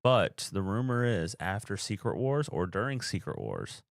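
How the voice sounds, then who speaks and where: Podcast co-host, male, low gravelly voice, dry close sound, deadpan and rambling. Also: normal speed, no room sound. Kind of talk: casual chat about movies.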